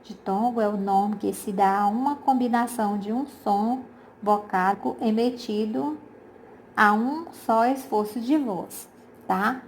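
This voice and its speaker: A Brazilian woman teacher, with a Brazilian Portuguese accent, patiently and repetitively explains a grammar exercise to her pupils in a recorded lesson. She often checks in with the class, calls them "gente," and uses fond diminutives. Her voice is a little high and a little slow, with slight background noise.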